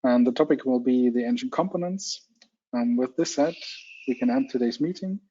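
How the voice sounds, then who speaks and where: A man's voice: mid-range voice, moderate pace, dark tone, a little hiss or hum. A man organizing an online technical talk, giving formal, courteous closing remarks and thanks. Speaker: event organizer. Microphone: video call. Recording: slightly muffled call audio.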